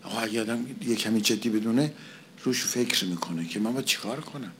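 A man's voice: lowish voice, a little hiss or hum. A man preaching a conversational sermon, asking and answering his own questions and repeating phrases for emphasis.

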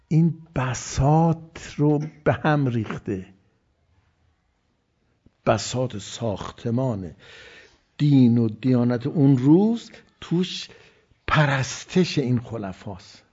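A man giving a religious sermon, swinging between loud emphasis and hushed, near-whispered lines. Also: medium pitch, expressive, pauses often, husky. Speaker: preacher. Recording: dull lo-fi recording.

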